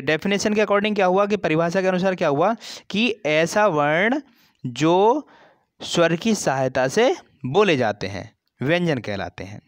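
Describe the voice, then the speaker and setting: A man teaching a grammar lesson for an exam, explaining slowly, repeating terms and stretching sounds as examples. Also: on the high side, no echo. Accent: Hindi.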